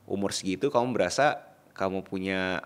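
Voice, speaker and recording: A man's voice: sits low, normal speed, clear, resonant tone. A man co-hosting a podcast, talking casually in slang and putting probing questions to his partner. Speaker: podcast co-host.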